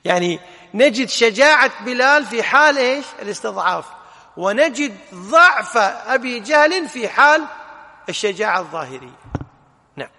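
A male religious teacher, explaining a text to students in an animated way with rhetorical questions and corrections. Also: very high voice, normal speed. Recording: long hall reverb.

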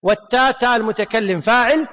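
A man with a high voice teaches a grammar class. He fires quick questions at his students and stretches out example words slowly. His voice rings with a long reverb from a large room. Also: bright, forceful tone.

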